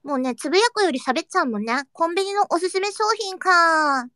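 Playful young woman streamer, high and bright, close dry mic, chatty with sudden whispers. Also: brisk, no room sound. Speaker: streamer reading chat. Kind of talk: casual livestream chat.

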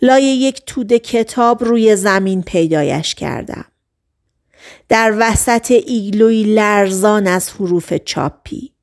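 Calm woman narrating an audiobook. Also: medium pitch.

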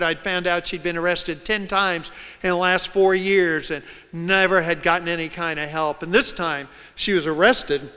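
A man speaks from a stage as a reporter, acting out scenes and quotes as he tells them. His voice is high and clear, with a smooth, resonant tone. A long reverb from the large lecture hall follows his words. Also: sharp tone. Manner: dramatic, acts out scenes and quotes. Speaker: reporter giving a public talk. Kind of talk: storytelling lecture.

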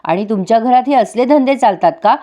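A woman's voice: a little high, lively intonation, a little fast, dark tone, lightly acted. A woman voicing a brusque male narcotics officer, curt and mocking, in a serial recap. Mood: scornful.

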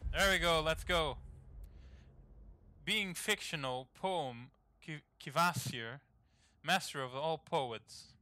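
Game music plays as a man narrates a casual let's play in English, which isn't his first language; he swears plenty and fumbles when reading aloud. The voice is on the high side and sharp, moving at a slow pace.

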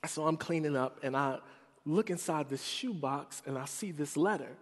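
Animated male preacher from Chicago. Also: fairly high pitch, normal speed. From Chicago, United States. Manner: animated, humorous, confessional. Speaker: chapel speaker. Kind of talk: storytelling sermon. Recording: long hall reverb.

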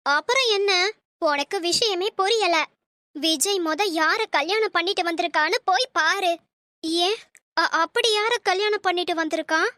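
A woman's voice: very high voice, moderate pace, sharp tone, no echo, studio quality. A woman voicing a nosy, argumentative middle-aged sister-in-law in a cartoon. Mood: arguing. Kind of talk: cartoon voice acting.

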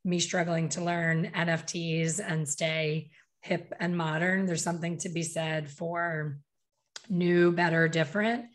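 A woman's voice: on the low side, steady tone, unhurried. A woman in her fifties, a hair color educator talking animatedly on a video call, gesturing with her hands and acting out what people say. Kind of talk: casual video call interview. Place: small bright room at home. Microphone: desk microphone on video call.

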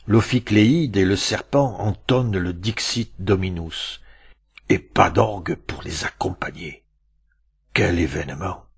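A man narrating a classic tale aloud with a dramatic, storytelling delivery and many pauses. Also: lowish voice, husky.

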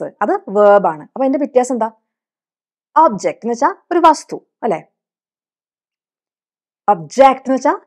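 A woman teacher with a Malayali accent and a slightly high voice. She explains things patiently and keeps asking her listeners questions as she goes. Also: a little mellow. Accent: Malayali English. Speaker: English teacher. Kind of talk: teaching spoken English.

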